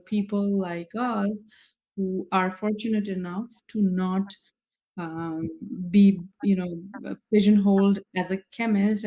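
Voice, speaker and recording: A woman from Nepal in her thirties, a scientist answering interview questions in a thoughtful, measured way with frequent fillers. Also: medium pitch, dark tone, rough recording. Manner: thoughtful, measured, with many "you know" fillers. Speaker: guest scientist.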